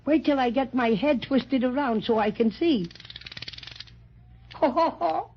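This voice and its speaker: Tiny, jolly toy bear, very high voice, cheeky and theatrical, muffled old radio recording. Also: male voice, measured pace, slight background noise. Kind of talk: 1930s children's radio acting.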